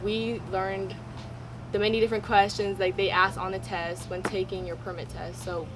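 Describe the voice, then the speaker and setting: A woman's voice: medium pitch, little pitch movement, normal speed, noisy background. A fifteen-year-old girl from Thailand, speaking casually in an interview with many "like" and "um" fillers. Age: teens. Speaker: program participant.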